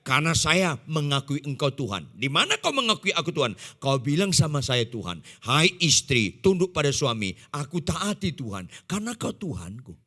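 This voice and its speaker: A man preaching a sermon in speech, emphatic, shifting between loud and quiet and putting questions to the congregation. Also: on the high side, big pitch swings, normal speed, few pauses. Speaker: pastor. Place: large church hall. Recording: echoey church hall.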